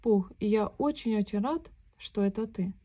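A woman voicing a timid little male piglet in a children's storybook reading, speaking in a thin, squeaky, fretful voice. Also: moderate pace, natural voice. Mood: timid worry. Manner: fretful, soft-spoken.

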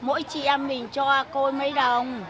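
A woman's voice: high-pitched, level tone, moderate pace, close to an everyday voice. A woman playing a friendly market vendor who coaxes customers to buy. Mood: coaxing. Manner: coaxing, calls out to customers. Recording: outdoor street with traffic noise.

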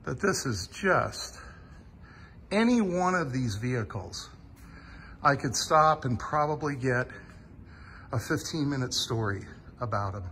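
Guy filming on his phone in a big vehicle warehouse, bright punchy voice, all amazed, a bit of hiss behind. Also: mid-range voice, lively intonation, measured pace, long pauses. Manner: enthusiastic, awed. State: a bit sweaty after driving. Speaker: vlogger touring a vehicle museum. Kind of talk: casual walk-through narration. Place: large indoor vehicle warehouse.

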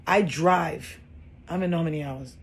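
A woman in her thirties telling a personal story in a casual, animated way, often repeating phrases for emphasis. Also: deep voice, fairly quick, vocal fry, breathy edge.

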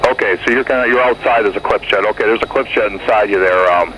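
In a jet cockpit, the tower controller's voice comes over aviation radio with faint noise: a man with a lowish, slightly bright voice who talks fast. He gives clipped, courteous instructions, and the audio quality is poor.

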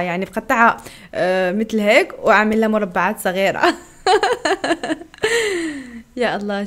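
A young woman, reacting to food videos in a casual vlog, giggling often and exclaiming playfully. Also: on the high side.

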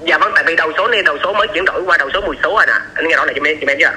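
Very fast, sharp-voiced man over the phone. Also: fairly high pitch. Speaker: caller posing as bank support staff. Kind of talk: phone call, customer-service script. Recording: phone call recording with faint noise.

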